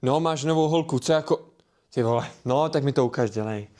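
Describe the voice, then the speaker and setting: A gruff, low-voiced dad, acted by a man, who mumbles and rumbles well below the speaker's own range. He sounds soft with his daughter and blunt with his son. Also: close to an everyday voice.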